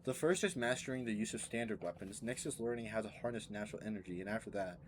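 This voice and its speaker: A game streamer plays through a title, reacting with effusive, emotional commentary and now and then reading the on-screen text aloud. His voice is lowish and fast, with game music and slight background noise behind it.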